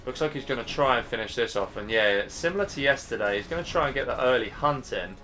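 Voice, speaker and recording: A man's voice: mid-range voice, animated, fast, sharp tone, faint music behind. A man casting a live strategy game match, chatty and casual, thinking aloud and sounding tired. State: tired, yawning. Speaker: game caster.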